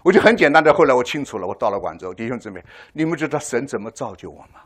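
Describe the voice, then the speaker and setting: Older male preacher giving a testimony sermon, lively and fast, acts out the people in his story. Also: medium pitch. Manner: animated storytelling, acting out voices; frequent rhetorical "right?" to the audience.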